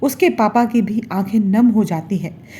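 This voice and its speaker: A woman storyteller giving a scripted narration of an emotional family tale in an even, measured reading. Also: mid-range voice, slightly rough.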